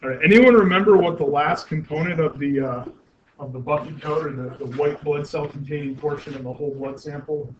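A man lecturing to a class with a slightly high voice, working through each point with fillers and self-corrections and pausing to quiz the room. The recording is dull and lo-fi, with a faint hiss behind him. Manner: asks the class questions. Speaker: university anatomy lecturer.

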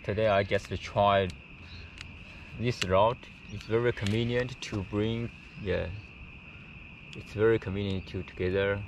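Guy talking slow on a fishing trip, simple broken phrases, lakeside noise and crickets behind him. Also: on the low side, steady tone. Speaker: fishing vlogger. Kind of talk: casual outdoor vlog. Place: outdoors by a lake, among trees. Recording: outdoor noise with insects and crickets.

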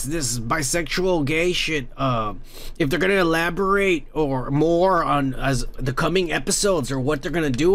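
An American man hosts a podcast from a dim room at home, rambling through viewer comments with plenty of swearing and fillers. His voice is fairly high and a bit bright.

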